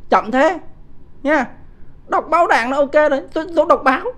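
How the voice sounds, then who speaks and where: A man in his 50s with a very high-pitched, slightly bright voice hosts a political commentary livestream at a moderate pace. Speaking off the cuff, he poses rhetorical questions to the audience and combatively scolds commenters with blunt, coarse language.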